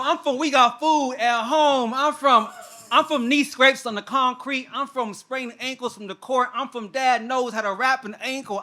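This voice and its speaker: A young man from Texas, a spoken word poet, shouting out to a live audience before performing a rhythmic, repeating poem on stage. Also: very high voice. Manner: hypes the crowd with call-outs, then a rhythmic repeated-line poem.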